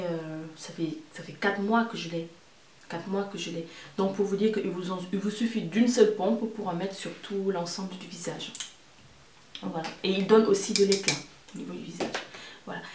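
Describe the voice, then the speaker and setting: A woman's voice: medium pitch, a little mellow. A woman giving a casual product review to camera as a beauty vlogger, repeating words and phrases for emphasis. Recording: roomy echo, distant mic, faint noise.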